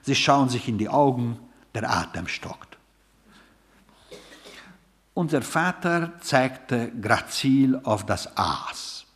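A man reading a literary story aloud in a measured, wry storytelling manner. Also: medium pitch, lively intonation, a little hiss or hum. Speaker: narrator.

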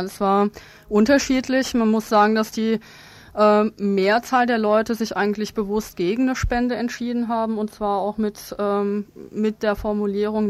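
Interviewed as an activist, a woman explains where she stands in a spontaneous, halting manner peppered with ums. Her pitch is medium, and the recording is dry.

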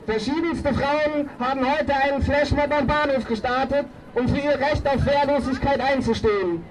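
At an outdoor demonstration, a feminist activist gives a combative, declamatory political speech in a high-pitched voice at normal speed. A distant outdoor microphone picks her up amid loud street noise.

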